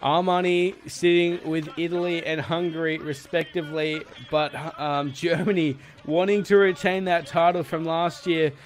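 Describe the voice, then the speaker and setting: A man's voice: a little high, normal speed, hardly any pauses. Male race commentator, raised voice, faint noise. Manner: builds to excited shouting at the finish. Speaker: play-by-play commentator. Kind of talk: live sports commentary.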